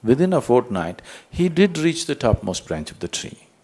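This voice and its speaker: A man's voice: mid-range voice, very animated, normal speed, darkish tone, breathy edge. A man giving a spiritual talk to an audience as a teacher, emphatic and full of rhetorical questions, telling parables.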